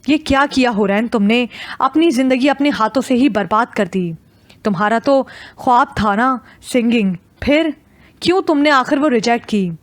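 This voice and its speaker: A woman's voice: on the high side, lively intonation, no echo, natural voice. A woman voicing a stern, worried middle-aged mother who scolds her daughter in an audio novel. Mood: scolding. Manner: scolding, reproachful.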